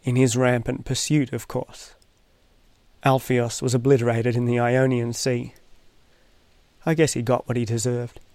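A man narrating a reflective essay in a measured, thoughtful way, with dry, wry asides. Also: medium pitch, level tone, darkish tone, no echo.

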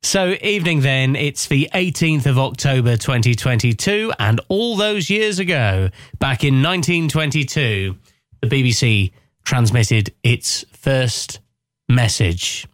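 Male radio presenter, conversational and casual, medium pitch, very little room sound. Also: animated, measured pace, no echo, clean studio sound. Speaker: radio host.

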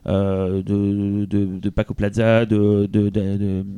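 A podcast co-host talks about a film in a loose, rambling way, full of hesitations and restarts. His voice is on the low side, monotone, slow and mellow, with a clean tone. The studio sound is clean, with no echo.

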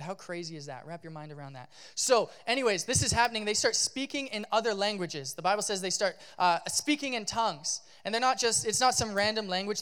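A male pastor giving a sermon in a casual, animated storytelling style, full of fillers. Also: high voice, clean tone.

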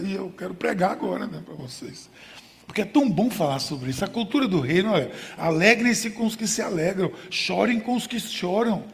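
A man preaching a sermon with emphasis, using contrasts and rhetorical questions. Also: high voice. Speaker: pastor. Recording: long hall reverb.

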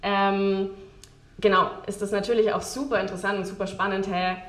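A woman's voice: mid-range voice, level tone, a little fast, fairly bright tone, reverberant. A woman guest in a casual interview, rambling with many fillers and frequent laughs. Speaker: guest, game developer.

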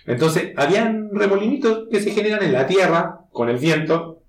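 A man's voice: high voice, animated, moderate pace, roomy sound. A man with a Chilean accent, telling personal stories in a casual, slangy podcast chat. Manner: conversational storytelling, slangy. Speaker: guest, horror writer.

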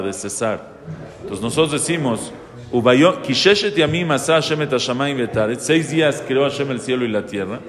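A man, a rabbi, teaching a Torah lesson to a live audience, reading Hebrew verses and translating them, often asking and answering his own questions. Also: medium pitch. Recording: reverberant hall.

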